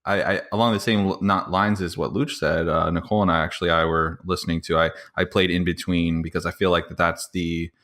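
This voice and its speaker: A young man with a notably deep, low voice talks loosely on a podcast. He rambles and restarts his sentences often, laughing easily between thoughts. His delivery is relaxed and casual. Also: a little fast, few pauses. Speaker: podcast co-host. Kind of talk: casual chat.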